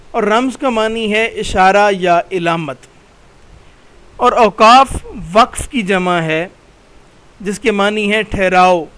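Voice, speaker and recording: A male college lecturer explaining grammar over slides in a patient, explanatory way, slowing down and repeating key terms. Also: sits high, fairly bright tone, poor audio.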